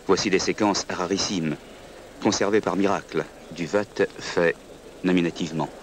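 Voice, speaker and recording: A man reads scripted historical documentary narration in a measured, solemn manner. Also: low-pitched, fairly even intonation, slight background noise.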